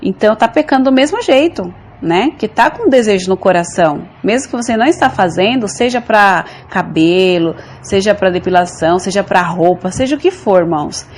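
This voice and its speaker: A woman's voice: medium pitch, expressive, a little fast, few pauses, slight background noise. A woman from Brazil giving an earnest, repetitive religious testimony, often calling her listeners brothers and sisters. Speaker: church member giving testimony.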